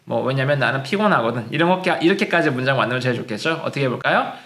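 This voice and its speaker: A man teaching an English lesson, patiently explaining and slowing right down to say each example sentence. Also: medium pitch, expressive, fairly bright tone, echoey room. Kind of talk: classroom-style lesson.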